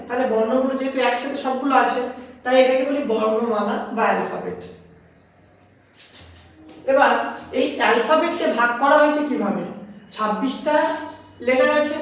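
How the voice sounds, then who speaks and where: A high-voiced woman teaches a grammar lesson, repeating each point and asking questions as she explains. She sits back from the mic, and her voice rings around a very echoey room. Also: brisk, long pauses, distant mic.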